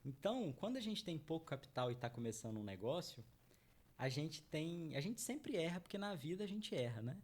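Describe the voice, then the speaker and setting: A man's voice: a little high, big pitch swings, brisk, a little mellow. A middle-aged man from Minas Gerais, a chocolate brand founder, explaining his business in an interview with earnest repeated checks of "right?". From Minas Gerais, Brazil. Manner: earnest, repeats "né?" often, addresses audience.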